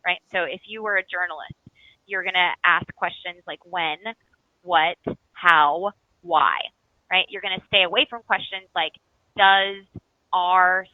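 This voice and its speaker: A woman's voice: lowish voice, dry recording. A woman teaching real estate prospecting scripts in a chatty coaching manner, often checking in with "right?" and acting out what homeowners might say. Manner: acts out homeowner replies in livelier voice. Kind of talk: recorded training lesson. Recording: dry, phone-like narrow sound.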